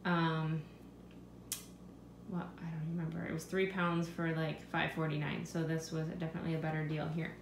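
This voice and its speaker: A mother of five in her thirties, speaking in a low voice at a moderate pace, casually runs through her grocery haul in her kitchen for a vlog and muses over the prices. The room is echoey, with continuous background noise.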